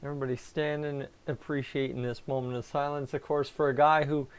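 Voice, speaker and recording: Clear-voiced man livestreaming hockey with a sore tongue. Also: medium pitch, flat delivery, fairly quick. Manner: casual fan chatter, reading and answering live chat. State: sore, raw tongue from biting it. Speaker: fan livestream host. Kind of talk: live hockey reaction commentary.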